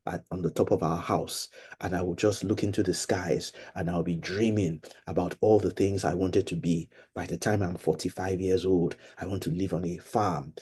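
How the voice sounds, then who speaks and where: Middle-aged man, low husky voice, patient teacher for kids on a video call. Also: warm tone. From Nigeria. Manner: patient, explaining slowly to children. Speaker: financial literacy seminar leader. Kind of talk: online seminar for children.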